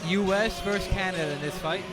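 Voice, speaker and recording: A man's voice: sits high, a little fast. A man doing casual live commentary at a fight, as a co-commentator. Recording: loud music behind the voice.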